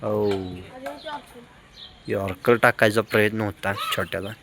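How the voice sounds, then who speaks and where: A man gives excited running commentary on a game of rooftop cricket for his vlog, calling out to the kids and to his viewers. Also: on the low side, unhurried, gravelly, noisy background. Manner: lively, calls out to kids and viewers. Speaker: vlogger. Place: outdoor rooftop terrace.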